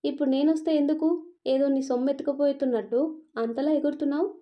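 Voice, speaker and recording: A woman's voice: high voice, fairly even intonation, fast, natural voice. A woman voicing a cheeky, quarrelsome young bride in a storybook reading. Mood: sassy. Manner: sassy, retorting. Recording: dull lo-fi recording.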